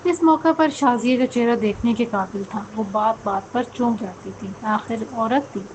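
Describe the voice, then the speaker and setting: A woman narrating a scripted story in a steady, even storytelling delivery. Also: fairly high pitch, a little hiss or hum, poor audio.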